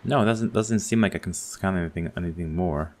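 A man with a notably low-pitched voice talks through a video game in a casual let's-play style. He is excitable and chatty, thinking out loud as he explores. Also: brisk. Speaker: gaming channel host.

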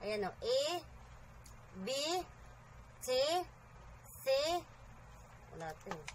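A woman's voice: mid-range voice, expressive, extremely slow, darkish tone, slight background noise, rough recording. A woman giving a casual home video lesson, patiently repeating sounds one by one with chatty asides, sleepy at night. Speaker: online Arabic teacher.

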